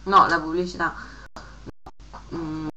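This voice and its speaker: Casting note: woman host, slightly low voice, chatty, reads verse with emphasis, faint hiss behind. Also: little pitch movement, takes it slowly, bright, forceful tone, low-quality recording. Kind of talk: casual broadcast chat and rhymed joke reading.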